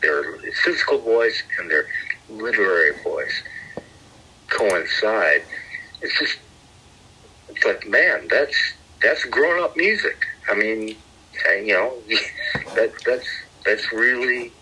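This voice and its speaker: A man co-hosting a podcast, talking in an animated, rambling way and laughing often. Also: lowish voice, slow pace, long pauses, slight background noise, low-quality recording. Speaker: podcast co-host. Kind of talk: casual chat.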